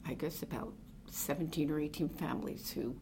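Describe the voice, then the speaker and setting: An older woman from New Jersey speaks in a low, warm voice at a slightly quick pace, with a faint hiss or hum behind her. In an oral history interview, she reminisces conversationally, wandering through reflective stories packed with fillers.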